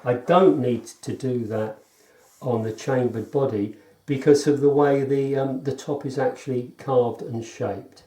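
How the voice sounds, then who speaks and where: Slow-talking man in an echoey workshop. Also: mid-range voice, steady tone, warm tone. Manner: halting, measured, explanatory. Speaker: guitar maker presenting own build. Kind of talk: workshop demonstration, informal explanation. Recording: roomy, echoing workshop sound.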